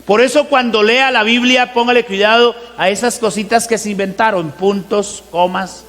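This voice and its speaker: A man preaching a teaching sermon, who asks the congregation rhetorical questions and slows down to stress scripture verses. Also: high voice, fairly even intonation, fairly bright tone. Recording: long hall reverb.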